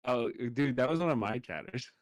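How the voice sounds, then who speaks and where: A man's voice: medium pitch, lively intonation, normal speed, no room sound. A man co-hosting a livestream as a fellow streamer, talking in a loose, joking, chatty way. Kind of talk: casual livestream chat.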